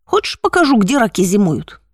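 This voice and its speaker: A woman voicing a tall, shaggy, ragged young male street bully who taunts and mocks, lower than her own voice. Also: sing-song, a little fast, dry recording, studio quality. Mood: taunting. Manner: mocking, taunting.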